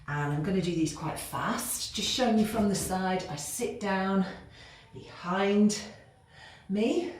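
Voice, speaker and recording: A woman's voice: medium pitch, takes it slowly. A woman fitness instructor cueing moves as she exercises along, growing out of breath. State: getting out of breath. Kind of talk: workout instruction. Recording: very echoey room, faint noise.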